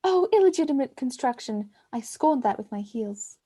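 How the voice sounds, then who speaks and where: A chatty, teasing waiting-woman, read by a woman in an amateur online play reading. Her voice sits high yet sounds soft and mellow, and she rattles through long speeches. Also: expressive, normal speed, slightly rough.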